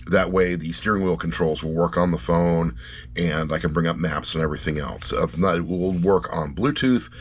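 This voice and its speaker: Speaking at a normal pace in a low register, a middle-aged audiobook reviewer talks to camera with a slight hiss or hum behind him. He rambles casually, keeps a blunt, wry edge, and repeats phrases to drive his points home.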